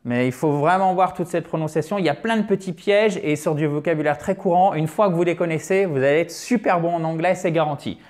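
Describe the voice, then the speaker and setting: Man, native French speaker, English teacher, slightly high voice, animated, slow pronunciation drills. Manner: lively, repeats example sentences slowly with pronunciation drills. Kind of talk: French-language English lesson.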